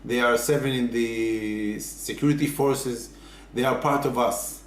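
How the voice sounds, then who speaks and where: A man giving earnest, halting interview answers full of fillers. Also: mid-range voice, fairly even intonation, a little hiss or hum. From Israel. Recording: echoey room.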